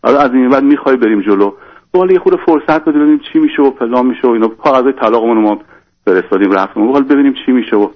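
A man calling in to a radio show, telling a long personal story and acting out the quoted lines in a raised voice. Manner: rambling, acts out quoted lines in a higher voice. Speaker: caller. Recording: dull lo-fi radio sound.

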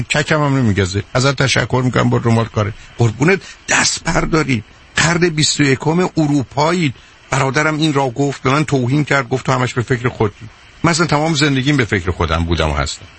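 A man's voice: medium pitch, vocal fry, a bit bright, slightly rough. A middle-aged man hosting a radio call-in advice show, answering a caller bluntly with sarcasm and teasing.

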